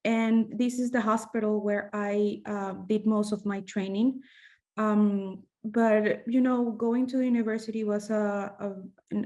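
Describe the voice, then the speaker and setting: A young Venezuelan woman, a medical fellow, gives a conference presentation at a webinar in Venezuelan-accented Spanish. Her medium-pitched voice has a dark tone, and she speaks haltingly with many fillers and restarts.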